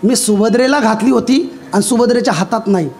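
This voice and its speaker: A man's voice: very high voice, a little fast, a little mellow. A man doing Arjun, an anxious young warrior. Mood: insistent. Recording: live with instrumental music behind.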